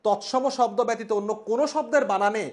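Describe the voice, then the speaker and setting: Male spelling teacher, high-pitched voice, slow drawn-out repetition. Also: darkish tone. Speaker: Bengali language instructor. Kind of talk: classroom lesson at a whiteboard.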